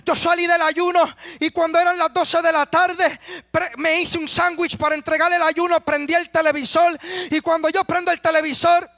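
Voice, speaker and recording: High, bright-voiced fervent young preacher man. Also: little pitch movement, normal speed, no echo, clean studio sound. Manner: fervent, repeatedly calls out to young listeners. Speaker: preacher giving a testimony to youth. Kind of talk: impassioned testimony sermon.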